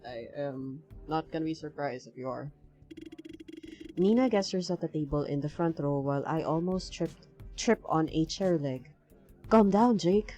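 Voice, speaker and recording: Low-voiced woman streamer, reads game text and rambles with fillers, faint music under. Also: moderate pace, dark tone. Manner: rambling, filler-heavy chat. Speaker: let's play streamer. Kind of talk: reading a visual novel aloud with commentary.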